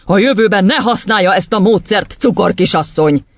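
A man's voice: high voice, no echo, pitched above the performer's own voice. A man voicing a furious, tyrannical female headmistress in an audiobook, screaming and scornful. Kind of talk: audiobook character voice.

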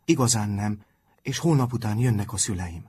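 A man voicing a gentle, injured schoolboy who speaks in a soft whisper in a storybook reading. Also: lowish voice, lively intonation, a little hiss or hum, natural voice.

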